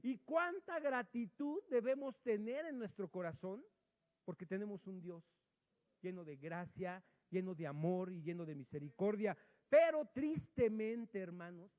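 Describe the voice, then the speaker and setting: A man preaching a sermon, telling a personal story and acting out the dialogue, dropping quiet and then rising loud. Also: sits high, lively intonation, unhurried. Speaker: pastor. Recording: long hall reverb.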